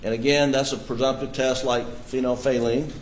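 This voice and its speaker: A man's voice: medium pitch, flat delivery, normal speed. A man acting as defense attorney, pressing a witness with pointed leading questions, heard in a courtroom recording. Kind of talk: courtroom cross-examination. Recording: echoey courtroom feed, faint hiss.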